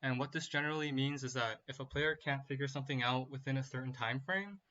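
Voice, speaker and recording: Casting: male lecturer, mid-pitched and bright, explaining informally with casual asides; dull recording. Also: quick pace, a little hiss or hum. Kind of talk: lecturing on game design, semi-casual.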